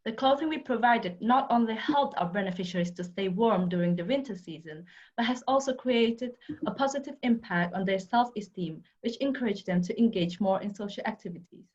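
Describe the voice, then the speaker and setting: A woman's voice: mid-range voice, fairly quick, darkish tone. A woman who is a student presenter, reading a prepared script for a presentation. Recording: dull lo-fi recording.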